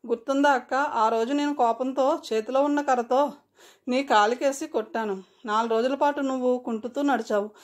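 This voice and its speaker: A woman's voice: high-pitched, fairly even intonation, normal speed, close to an everyday voice. A woman voicing a troubled young man pleading with his older sister in an audiobook reading. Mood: earnest pleading.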